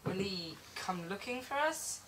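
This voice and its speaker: A prissy younger sibling played by a woman corrects and frets in a bright, tense voice. The delivery is pedantic and nervous. Faint noise sits behind the outdoor stage. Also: mid-range voice, expressive, measured pace. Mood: prim.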